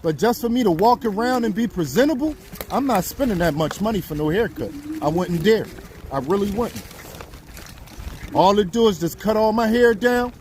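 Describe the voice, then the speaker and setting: A man's voice: sits high, a little mellow. A man of fifty doing a casual live-stream chat outdoors, talking straight to his viewers. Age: 50s. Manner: chatty, talks straight to viewers. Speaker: livestreamer. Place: outdoors on a city street. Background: faint street and traffic noise.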